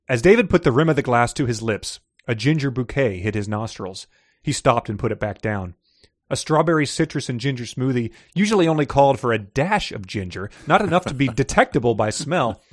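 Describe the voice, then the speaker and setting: A man's voice: mid-range voice, animated, normal speed, no room sound, clean studio sound. A man hosting a podcast who reads story excerpts aloud, chats casually and laughs often. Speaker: podcast host.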